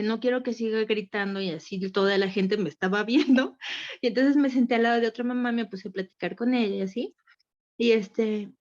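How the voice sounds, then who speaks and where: A woman with a fairly high voice tells a long personal story in a group call, sounding overwhelmed and rambling as she acts out what others said. The sound is dull and lo-fi. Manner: candid, rambling, acts out quotes. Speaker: group participant. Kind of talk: personal account in group session.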